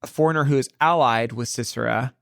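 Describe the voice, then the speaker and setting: A man's voice: mid-range voice, a little fast, gravelly, fairly bright tone, no echo. Guy chatting about scripture on a church podcast, lots of ums and likes, dry close sound. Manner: thinks aloud, many fillers. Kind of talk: casual Bible study discussion.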